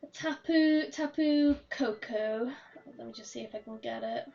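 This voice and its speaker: Hoarse woman chatting on stream. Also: high-pitched, measured pace, warm tone. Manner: chatty, rambling, laughs often. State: hoarse, losing her voice. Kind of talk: casual chat while gaming. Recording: dull, slightly distant mic.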